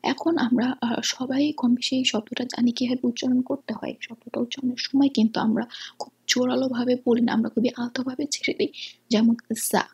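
A woman with a higher voice, very husky and edged with fry, teaches a pronunciation lesson. She explains at length, often pausing with fillers and dropping into a breathy half-whisper. She sits some distance from the microphone. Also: fairly even intonation, highs cut off. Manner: hesitant, many fillers, often soft and breathy. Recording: distant mic.

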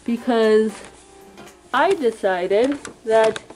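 Young woman talking slow and high through a muffling costume head, kinda sarcastic, faint music behind. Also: a little mellow, poor audio. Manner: sarcastic, self-mocking. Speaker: vlogger. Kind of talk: casual vlog chat. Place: home kitchen.

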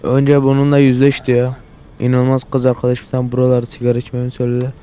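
A man's voice: medium pitch, completely flat delivery, fast talker, dark tone, smooth. A young man hosting a let's-play, commenting crudely with constant swearing and exasperated outbursts. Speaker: gaming channel host.

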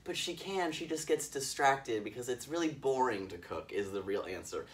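A man's voice: mid-range voice, animated, normal speed, distant mic. A man hosting a casual coffee-making vlog in a yurt, explaining in an easygoing, wordy way. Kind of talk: casual chatty demonstration. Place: yurt in the mountains.

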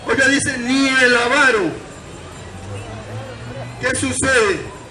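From a distance, a high-pitched Salvadoran man with a sharp tone preaches an open-air sermon explaining scripture, declaiming in short, deliberate phrases. He stands in an outdoor gazebo in a public town square, picked up by a far-off camera. The recording is distant, echoey and noisy, with traffic and crowd sounds around him.

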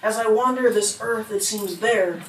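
Her rhythmic, rhyming spoken word poems come at normal speed and in a middle pitch, broken up by small laughs. She is a middle-aged American poet at a standing mic in a bookstore reading room. A distant camera picks her up with roomy sound and a faint hum.

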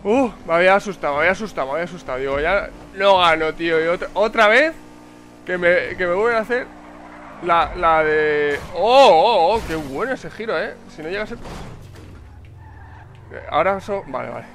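An excitable man with a Spain Spanish accent commentates his own car race in a fairly high voice. He swears freely and fires off words in repeated bursts. Faint game sounds run underneath. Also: fairly quick. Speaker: gameplay commentator. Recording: faint game noise behind.

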